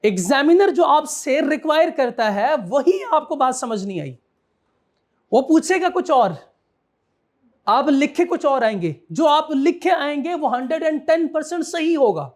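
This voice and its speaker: A man's voice: extremely high pitch, expressive, a little slow. A man giving a classroom law lecture, quizzing students and repeating his key points.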